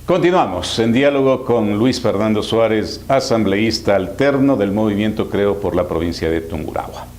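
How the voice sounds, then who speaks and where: Male Ecuadorian interview host, lower register, formal and wordy delivery. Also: lively intonation, moderate pace, over music.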